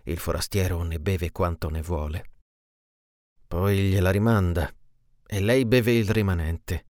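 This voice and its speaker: A grave, courteous nobleman in a storybook reading, pitched deeper and quieter than the narration, as a man puts him on. He speaks in a hushed, measured way, as if confiding. The sound is dry and close. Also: dry recording. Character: disguised nobleman returned home, grave and courteous.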